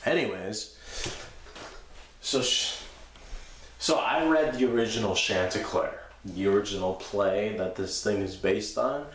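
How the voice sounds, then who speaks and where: Drunk, rambling man with a low voice. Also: measured pace, long pauses. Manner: drunk, rambling and losing his thread; crude, profane. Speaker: host of a movie review show. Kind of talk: casual unscripted film review rant. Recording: echoey room with background noise.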